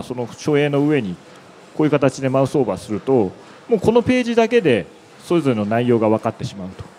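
A man's voice: fairly high pitch, darkish tone, a little hiss or hum. A man presenting a web demo on an exhibition stage into a handheld mic, explaining step by step with many filler words. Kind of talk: conference presentation.

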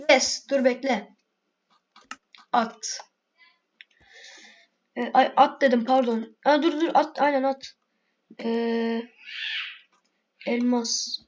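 A woman giving casual gameplay commentary, chatting to herself and her viewers with sudden exasperated outbursts, in a noisy home recording. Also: fairly high pitch. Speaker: gaming video creator.

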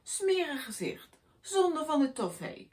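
A woman voicing a grumpy, greedy male schoolteacher who hates children, boastful and scornful, in a high, loud voice. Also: very animated, slow pace, heavily acted.

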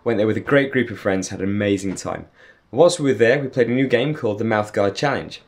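A man's voice: on the low side, fast talker. A man in his twenties casually introducing a video to camera as its host. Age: 20s. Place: small room indoors.

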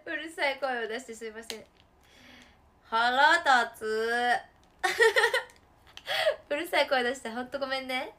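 A woman game streamer talks casually to her viewers as she plays. Her voice sits a little high. She laughs a lot and now and then blurts out a loud cry. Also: quick pace, few pauses. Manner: chatty, laughing often, with sudden loud outbursts. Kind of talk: casual live-stream chat while gaming.

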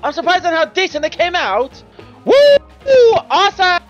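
A woman voicing an excitable young woman artist in a fan voice-over of chat messages, giggly and gushing. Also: very high-pitched, moderate pace, dull audio, faint music behind. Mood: chatty. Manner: giggly, gushing, bursts into squeals.

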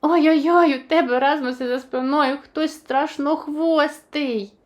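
Жінка озвучує сміливого, нетерплячого маленького динозаврика-хлопчика з книжки-казки, говорить захоплено й вигуками. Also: female voice, high-pitched, normal speed, voice pushed up. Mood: excited. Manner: excited, exclaiming. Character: eager brave little boy dinosaur.

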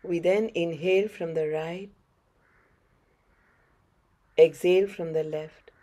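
Facing her webcam in a head-and-shoulders frame, a middle-aged North Indian-accented woman guides an online yoga session with brief, supportive cues. She speaks slowly in a fairly low, mellow voice with mostly even intonation.

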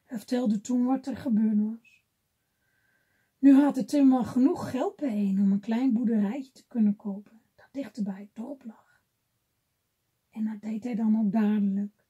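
A woman reading a children's fairy tale aloud gently, often dropping to a whisper. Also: a little high, normal speed, pauses often, husky. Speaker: storybook reader.

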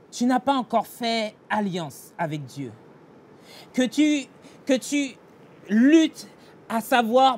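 A middle-aged pastor speaks with an extremely high pitch, giving an earnest devotional meditation and prayer directly to the listener with emphatic gestures. He sits in a small indoor room before a fixed camera in mid-shot, with slight background noise.

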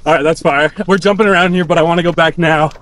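A young male host chats in slangy, casual style while running. His voice is slightly high, with faint outdoor noise around it. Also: fairly even intonation, quick pace, fairly bright tone. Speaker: host, interviewer. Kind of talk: casual chat. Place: outdoors on an open dirt road.

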